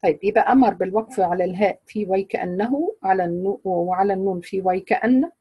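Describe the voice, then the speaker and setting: A woman's voice: medium pitch, quick pace, slightly rough, dry recording, lo-fi sound. A woman with an Egyptian Arabic accent teaching Quran recitation rules to a class, explaining patiently and quizzing her students.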